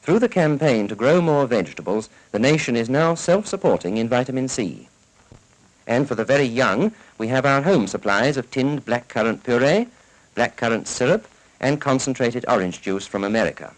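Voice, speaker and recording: This public information film narrator, a man with a British accent, speaks at a normal speed with an animated, medium-pitched voice. His narration is formal, scripted, and instructive, styled after a 1940s educational film on a vintage soundtrack. The recording is low quality.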